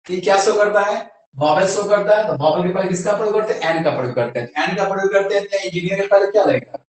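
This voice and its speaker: A man's voice: high-pitched, fast talker. A man with an Indian accent, an English teacher, giving a classroom grammar lesson and answering his own questions. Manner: asks questions and answers them himself. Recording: very echoey room, voice from far off.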